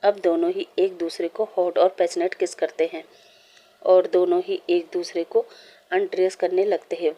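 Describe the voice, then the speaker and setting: A woman narrates a romance story aloud at an even storytelling pace. Her voice is low-pitched and mellow, with a dark, soft timbre. She reads each scene in a steady, unhurried way. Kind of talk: reading fan fiction aloud.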